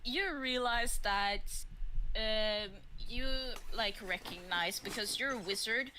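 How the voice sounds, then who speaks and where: Bright-voiced woman running a tabletop game. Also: medium pitch, slow pace, slight background noise, rough recording. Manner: loose and chatty, laughs often, lots of fillers. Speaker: game master. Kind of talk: narrating a tabletop game on stream.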